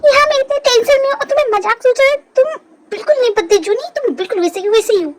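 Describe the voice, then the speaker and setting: A woman doing a high, pleading heroine. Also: rapid-fire, very noisy. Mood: scolding. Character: young woman just woken from a coma. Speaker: fan dubber. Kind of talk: amateur Hindi fan dub.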